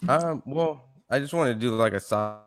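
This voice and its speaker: A man's voice: medium pitch, normal speed. A man on a group internet voice call whose audio keeps breaking up, talking casually and hesitantly as a boxing show panelist. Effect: choppy internet voice call, breaking up.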